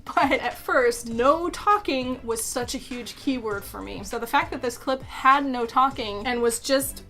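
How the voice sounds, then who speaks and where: A young woman talks through a topic in a relaxed explainer style, her voice pitched slightly high. She is chatty and self-deprecating and leans on "like" as she goes. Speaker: YouTube creator. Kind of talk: casual explainer talk.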